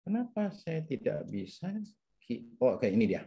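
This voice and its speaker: Lively teacherly man lecturing online. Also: medium pitch, normal speed, vocal fry, slightly rough. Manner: teacherly, checks in with repeated oke and ya. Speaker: counseling teacher. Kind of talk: webinar lecture. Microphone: video call.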